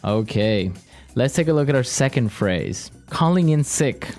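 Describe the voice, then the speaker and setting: A man's voice: medium pitch, lively intonation, unhurried, a little mellow, soft background music. A man teaching vocabulary conversationally, repeating key words and checking with short questions. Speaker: host and English teacher.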